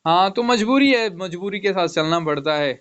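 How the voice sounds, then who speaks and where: A man with a high, expressive, slightly bright voice and a clear, resonant tone teaches an online English vocabulary class at normal speed. He spells each word letter by letter and keeps saying "okay." The class audio is dull and lo-fi.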